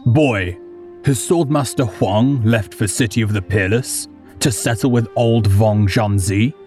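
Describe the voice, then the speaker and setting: A man voicing a gruff, easygoing old male swordsman in an audiobook, blunt and laughing. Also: mid-range voice, unhurried, a little mellow, soft background music, natural voice. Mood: gruff easy. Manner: laughing, blunt, calls others boy. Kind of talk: audiobook character voice.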